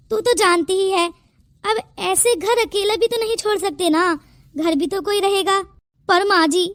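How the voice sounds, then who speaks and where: A woman voicing the family of a cartoon story in quick, bickering domestic chatter. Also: very high voice, no echo, clean studio sound. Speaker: narrator voicing all family roles. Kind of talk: cartoon voice acting.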